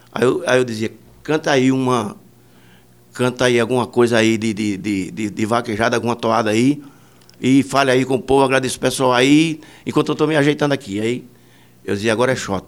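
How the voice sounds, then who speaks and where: Gravelly man telling stories. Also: mid-range voice. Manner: rambling anecdotes with many fillers and quoted dialogue. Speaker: musician, accordionist and producer. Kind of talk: casual storytelling interview.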